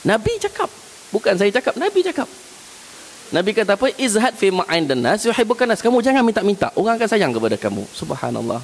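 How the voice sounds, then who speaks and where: A man's voice: high voice, wildly swooping pitch, fast talker. A man with a Malaysian Malay accent giving an evening mosque lecture as a religious teacher. He tells stories, acts out everyday scenes with small chuckles, and his voice climbs sharply when he drives a point home. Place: mosque prayer hall. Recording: reverberant hall with faint hiss.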